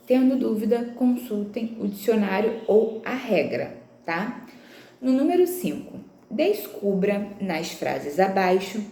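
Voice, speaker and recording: A woman's voice: on the high side, dark tone, roomy sound. A woman teaching a language lesson, explaining textbook exercises patiently step by step and checking in with her students often. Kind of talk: recorded remote lesson walking through textbook exercises.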